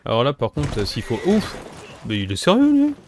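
A man's voice: medium pitch, huge pitch swings, moderate pace, darkish tone. Casual male gamer over background noise. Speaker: gaming video co-host. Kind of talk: casual gameplay commentary with a friend.

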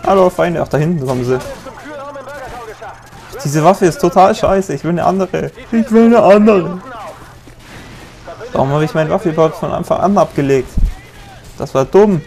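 A young man casually commenting on his gameplay, chatting, joking and yelling at the game now and then. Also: a little high, moderate pace, gravelly, pauses often. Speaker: let's play gamer.

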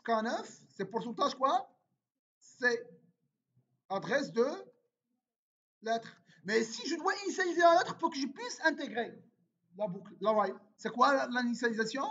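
Lively teacher thinking aloud over code. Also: medium pitch. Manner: thinks aloud, asking and answering own questions; informal, repeats words while typing. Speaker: programming teacher. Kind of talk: screen-recorded coding lesson. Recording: dull lo-fi recording.

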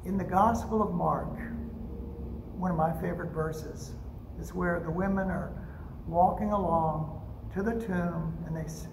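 An older man preaching a storytelling sermon from a pulpit microphone in a church sanctuary, unhurried and gentle, with frequent pauses. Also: sits high, gravelly, noisy background. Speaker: pastor. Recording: echoey sanctuary with faint ambience.

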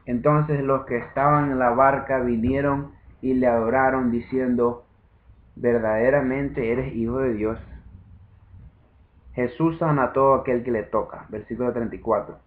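A man reading a Bible chapter aloud, slow and measured, calling out verse numbers. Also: mid-range voice, fairly even intonation. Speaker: scripture reader. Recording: tinny phone-like sound.

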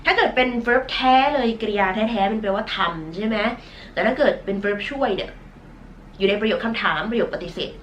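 A woman's voice: a little high, lively intonation, brisk, a little hiss or hum. A woman from Thailand with a nasal voice, teaching English verbs in a recorded online lesson, stretching out model pronunciations patiently. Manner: self-conscious about her nasal voice.

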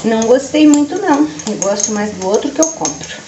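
A woman's voice: a little high, lively intonation, brisk. A woman in her forties chatting casually through a home cooking vlog, recorded by a camera across her kitchen. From Brazil. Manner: chatty, keeps saying "gente" and "ó". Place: home kitchen with tiled walls. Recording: echoey kitchen with cooking noise.

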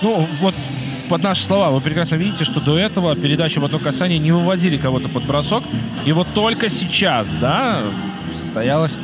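Higher-voiced man calling hockey over loud music. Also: animated, brisk. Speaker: hockey play-by-play commentator. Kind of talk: live ice hockey commentary.

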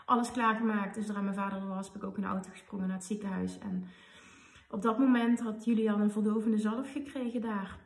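A woman in her thirties, a podcast host, telling a personal story in an emotional, animated way. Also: mid-range voice, a little fast. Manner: emotional, animated retelling with quoted dialogue. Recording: roomy, slightly distant mic.

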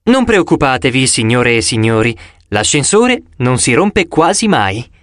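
A man's voice: mid-range voice, sing-song, measured pace, fairly bright tone, no echo. A man voicing a cheerful, slightly mysterious female park ranger leading a tour in an audiobook. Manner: chirpy, announcing to a group. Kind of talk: audiobook character voice.

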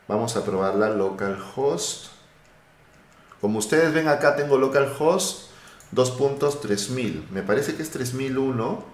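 A man teaching a live coding lesson, talking lively and thinking aloud while he types. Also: mid-range voice. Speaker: web development instructor. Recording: roomy echo.

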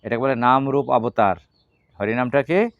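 A man's voice: medium pitch, no echo, narrow, tinny audio. A man teaching a class on the Gita, asking his listeners questions and answering them himself. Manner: leads slow chanting. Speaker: religious teacher.

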